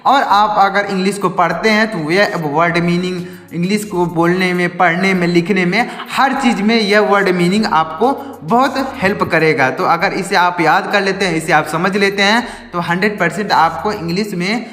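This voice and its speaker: A man's voice: high voice, normal speed, few pauses, a bit bright. A man teaching English vocabulary who spells each word letter by letter, then asks and answers his own questions. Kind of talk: spoken English vocabulary lesson. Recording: echoey room with long reverb.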